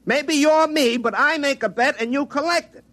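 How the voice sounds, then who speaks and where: Sounding indignant, an actor voices an easily flustered, folksy phone repairman from a small town who recounts his tale in first person for a classic radio play. His voice is very high, at normal speed with no echo, and his wry narration slides into stammering pleas. Faint music sits under the vintage radio sound.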